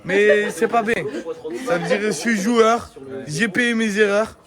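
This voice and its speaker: A man's voice: high-pitched, unhurried. A man in French, bantering casually with friends in slang peppered with interjections. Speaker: vlogger. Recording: crowded outdoor chatter behind the voice.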